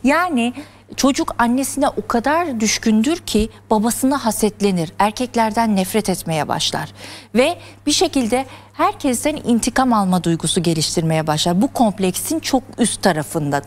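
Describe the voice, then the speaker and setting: A woman's voice: on the high side, lively intonation, normal speed. A woman explaining psychology terms step by step as a guest on a television talk show. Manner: earnest, lecturing, explains step by step. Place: television studio.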